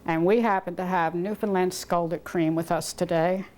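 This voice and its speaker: A woman's voice: on the low side, fairly even intonation, moderate pace, a little mellow. A woman cook giving a step-by-step cooking demonstration in a home kitchen. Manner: patient step-by-step instructing. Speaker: guest cook. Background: clinking dishes and cutlery.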